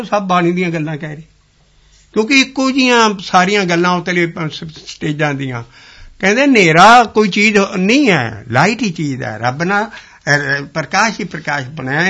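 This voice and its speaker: Bright gravelly preacher man. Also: high-pitched, dull audio. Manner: explains hymn lines, sometimes breaks into singing. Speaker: Sikh preacher. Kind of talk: sermon with sung scripture.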